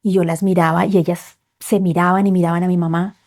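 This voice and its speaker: Woman sharing her story on a podcast, mellow voice, goes soft and almost whispery. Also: fairly low pitch, flat delivery, fairly quick. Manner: heartfelt, drifting into soft near-whispers. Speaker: guest. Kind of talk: personal storytelling in a podcast interview.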